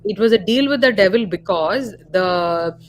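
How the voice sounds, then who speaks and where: A woman with an Indian accent speaks at normal speed with a medium pitch and lively intonation. As a panelist in a casual discussion, she is emphatic and corrective, clarifying and stressing her points. The live stream audio is noisy.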